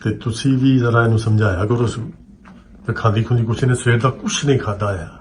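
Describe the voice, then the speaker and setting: A man's voice: medium pitch, fairly even intonation, normal speed, slight background noise. A man chatting casually to the camera in a home vlog. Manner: chatty, calling loudly to wake someone.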